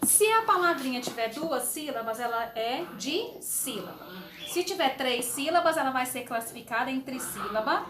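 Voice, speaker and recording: A woman teacher explaining a homework sheet to young children, slowly and patiently, with fond little words. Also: sits high, lively intonation, background noise. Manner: slow, patient, uses diminutives. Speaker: schoolteacher.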